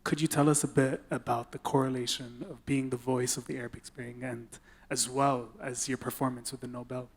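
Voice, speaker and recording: A man's voice: medium pitch, level tone, fairly quick, husky. A man interviewing a singer, asking long, admiring questions.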